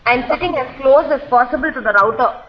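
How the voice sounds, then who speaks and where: A woman student presenting in an online seminar, halting with many fillers, over a video call. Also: high-pitched, a little hiss or hum. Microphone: laptop mic on video call. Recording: dull lo-fi video call audio.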